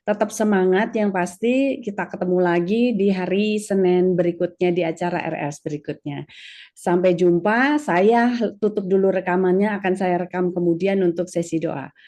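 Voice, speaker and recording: Gentle woman hosting an online prayer meeting. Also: on the low side, moderate pace. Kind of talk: warm closing remarks and announcements. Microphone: video call.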